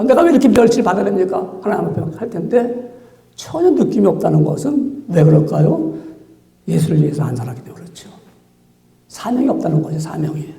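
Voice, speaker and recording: Gravelly, animated preaching pastor. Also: male voice, a little high, roomy sound. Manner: animated, acts out quoted dialogue. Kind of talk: sermon.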